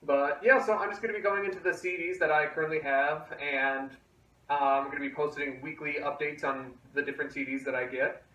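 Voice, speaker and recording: Young guy rambling casually for his vlog, kinda high voice, really echoey room, mic sounds far off. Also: fairly even intonation, fairly quick, sharp tone, a little hiss or hum. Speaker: host of a music collection video series. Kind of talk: casual vlog chat to camera.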